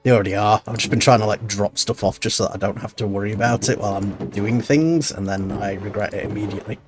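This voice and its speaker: A man on the low side speaks fast over a noisy background and background music, casually commenting as he plays a building game. This streamer thinks aloud and rambles, sounding tired and stuffy-nosed from a cold.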